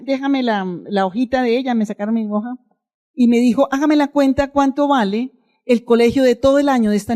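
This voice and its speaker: Woman pastor preaching with personal testimony. Mellow, a little high, emotional and conversational. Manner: emotional, conversational, addresses the congregation directly.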